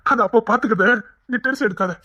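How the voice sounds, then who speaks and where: Husky-voiced woman doing all the family parts in a serial, scolding then sweet. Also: on the high side, bright, forceful tone. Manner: switches between brotherly scolding and tender coaxing. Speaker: storyteller voicing a whole family.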